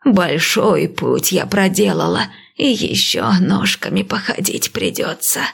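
A woman voicing an old blind priestess and seer, speaking slowly and calmly. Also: fairly low pitch, creaky, breathy edge, exaggerated voice. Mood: calm, wise. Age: older. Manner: slow, calm, measured.

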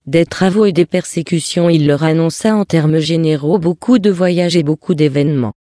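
Audiobook reader, steady even narration, mellow dark tone, dry close sound. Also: mid-range voice, dry recording. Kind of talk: scripted narration of a religious text.

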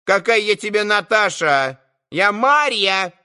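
A man reading an audiobook, voicing a loud, quarrelsome female market trader who is not yet old. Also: sits high, measured pace, voice pushed up. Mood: scolding. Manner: loud, scolding.

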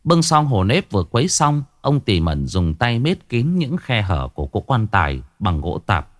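A man narrating a ghost story as a storyteller, telling it in a dramatic, expressive way. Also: on the low side, normal speed.

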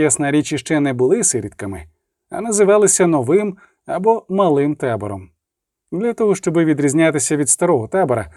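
A man narrating an audiobook in a measured, even storytelling manner. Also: a little high, no echo, studio quality.

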